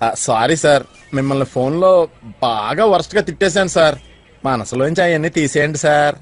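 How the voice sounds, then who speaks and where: An actor playing a comic sidekick who protests and boasts under police questioning. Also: male voice, a little high, brisk, natural voice. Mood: apologetic. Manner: bewildered, protesting, self-praising. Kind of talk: film comedy acting.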